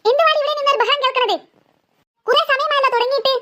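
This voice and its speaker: A woman voicing an impatient mother in a cartoon who scolds her daughter briskly. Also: very high-pitched, sharp tone. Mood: scolding. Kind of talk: cartoon voice acting.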